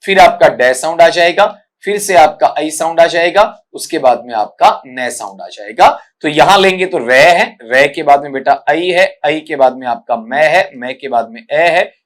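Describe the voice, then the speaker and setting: A man's voice: a little high, lively intonation. Male English teacher. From India. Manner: repeats words slowly, addresses students as beta. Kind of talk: exam prep lesson.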